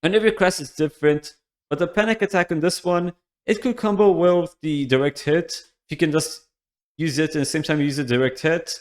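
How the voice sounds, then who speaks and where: A man talks through his game picks in a loose, offhand way, tripping over his words and circling back to restart sentences. His voice sits a little on the high side. It has the easy, unscripted flow of a gaming video commentary. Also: brisk. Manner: loose and rambling, frequent restarts and fillers. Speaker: gaming YouTuber.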